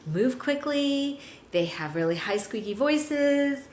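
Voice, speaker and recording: A woman's voice: high voice, lively intonation, takes it slowly. A middle-aged woman teaching dog owners in a chatty, upbeat way, now and then acting out her pets' reactions. Her voice carries a roomy echo with a faint hiss behind it. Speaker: dog trainer. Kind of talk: instructional talk to dog owners.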